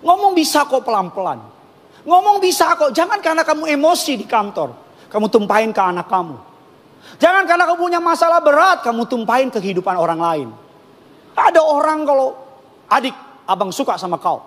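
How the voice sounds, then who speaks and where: A man with a Batak accent preaches to a congregation, his voice sitting high and ringing. He swings between forceful exhortation and quiet, hushed asides, teasing the listeners now and then. The sound carries a long reverb from a large church hall. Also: sing-song, a little fast. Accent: Batak Indonesian. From North Sumatra (Batak). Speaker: pastor. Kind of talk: sermon.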